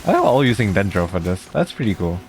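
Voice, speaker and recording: This gaming streamer speaks fast and very animatedly in a fairly low, darkish voice. He reacts to the game with slangy exclamations in casual commentary while the game's music plays faintly.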